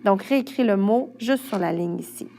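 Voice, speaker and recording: A woman's voice: medium pitch, moderate pace, creaky, mellow. A woman teacher with a Quebec French accent, patiently giving a young pupil step-by-step instructions for a worksheet. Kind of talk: recorded classroom instructions.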